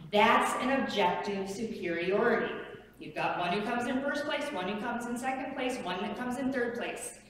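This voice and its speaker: A middle-aged woman pastor preaching in a large church sanctuary, her voice a little high and carried by a long hall reverb. She tells the story with lively energy and asks the congregation questions. The sound comes from a camera far back in the room, with faint noise underneath. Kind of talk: sermon.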